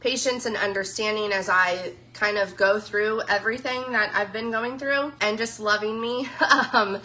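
Bright, gushing woman reviewing snacks live. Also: mid-range voice, fairly even intonation, moderate pace. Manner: gushing, chatty, says "y'all". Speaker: social media influencer. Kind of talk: casual live-stream product review.

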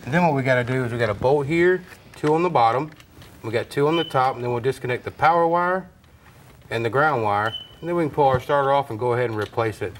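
A man's voice: mid-range voice, quick pace, slight background noise. A man in his thirties, a technician and instructor, explaining repairs plainly in a large workshop on a lapel mic. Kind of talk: hands-on repair demonstration.

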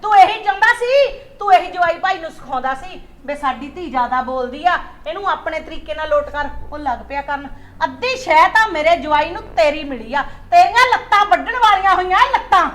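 A woman's voice: very high-pitched, lively intonation, fairly quick, hardly any pauses, a bit bright. An actress playing an angry, protective middle-aged mother who scolds and accuses her husband. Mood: accusing. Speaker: mother of a married daughter. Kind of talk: Punjabi short film acting.

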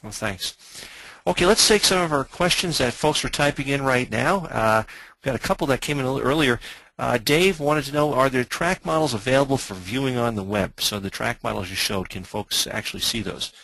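A man's voice: mid-range voice, fairly quick, creaky, bright, forceful tone, no room sound, rough recording. A man hosting a webinar question session, friendly, often stumbling and repeating words. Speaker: webinar host.

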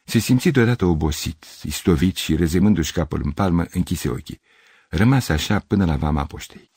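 An older man narrating a literary audiobook in an expressive reading voice. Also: low-pitched, slightly rough, no room sound, clean studio sound. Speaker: audiobook reader.

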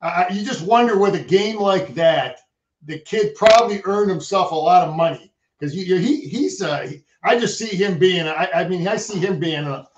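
A man's voice: high-pitched, expressive, dull audio, slight background noise. Older man on distant roomy webcam. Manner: halting, repeats words, chuckles. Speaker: co-host, sports fan. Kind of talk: casual sports chat. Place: home study. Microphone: webcam mic on video call.

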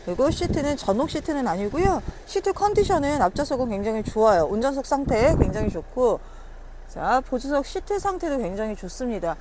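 A woman with a high voice pitches like a car dealer on a video walkaround. Her delivery swings animatedly and stays chatty and persuasive. There is clear background noise around her, as on location by a car. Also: very animated, a little fast. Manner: chatty, persuasive, repeatedly addressing customers. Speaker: used-car dealer presenting a car. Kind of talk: casual sales walkaround to camera. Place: on location outside and inside a car.

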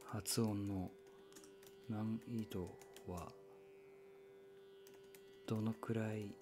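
A man's voice: on the low side, little pitch movement, extremely slow, over music. A man talking casually on his own as a musician recruiting singers, chatty and often correcting himself. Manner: chatty, self-correcting, sings short chant lines to demonstrate. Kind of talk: casual solo talk.

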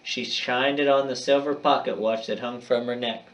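A male teacher reading a children's chapter book aloud to his class, with dramatic, expressive storytelling. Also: mid-range voice, normal speed, recorded from a distance, lo-fi sound.

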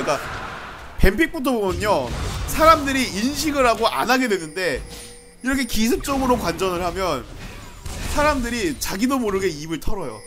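A man commentating live on an online game match. His voice sits high and moves around a lot, with an excitable delivery. Game music plays behind him. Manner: excitable, shouting at big plays.

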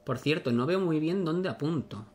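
A man giving excitable, casual commentary on his own gameplay, talking to himself as he plays. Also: fairly high pitch, moderate pace, a little hiss or hum. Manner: excitable, talks to himself while playing. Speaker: gaming YouTuber.

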